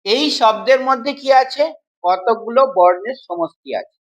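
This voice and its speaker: A man's voice: extremely high pitch, a little slow, muffled recording. A male grammar teacher giving an informal classroom explanation. He talks to the student in a familiar way, says each definition twice, and checks in with short questions.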